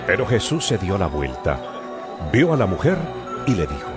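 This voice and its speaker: A man narrating a Bible reading in an expressive storytelling manner. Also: deep voice, moderate pace. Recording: music bed behind voice. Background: guitar music.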